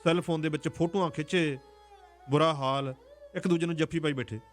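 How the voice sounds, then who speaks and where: A man voicing a deceitful middle-aged uncle who grumbles in a low voice. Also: fairly even intonation, a little fast, faint music behind, natural voice. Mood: grumbling.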